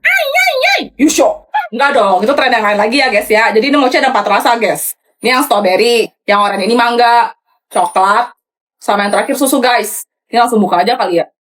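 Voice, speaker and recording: A woman's voice: a little high, racing. A young adult woman chatting casually to viewers while tasting food, constantly addressing them directly. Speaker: vlogger.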